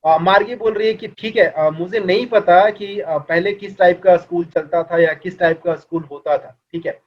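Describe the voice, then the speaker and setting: A man teaching an English lesson online, explaining in Hindi and reading English lines slowly while asking his students questions. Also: high-pitched. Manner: asks students questions as if in class. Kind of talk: online class lecture. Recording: dull lo-fi recording.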